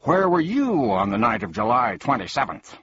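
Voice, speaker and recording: A man's voice: mid-range voice, very animated, normal speed, a bit bright, dull audio, voice pushed up. A man voicing a tiny, fierce male policeman who barks out accusations in an officious, pompous way.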